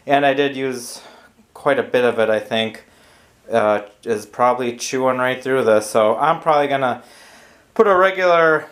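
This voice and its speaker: A man hosts a casual homebrewing vlog recorded on a porch, rambling and thinking out loud with lots of fillers. His voice is medium in pitch with a fairly bright tone.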